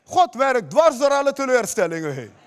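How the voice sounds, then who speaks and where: A man's voice: very high voice, very animated, moderate pace, clear, resonant tone, in a large hall. A man preaching a sermon as pastor, emphatic, often putting direct questions to the congregation. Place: church hall.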